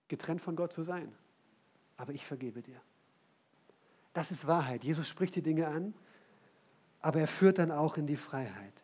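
A man preaching a sermon as pastor, talking in a conversational, animated way and often asking the congregation direct questions. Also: fairly high pitch.

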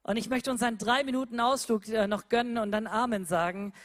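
A preacher giving a sermon, repeating rhetorical questions and moving between loud emphatic lines and quiet low ones. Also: steady tone, fairly quick.

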